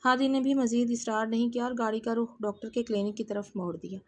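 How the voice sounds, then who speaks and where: A woman narrating a romance novel in an even storytelling manner. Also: on the high side.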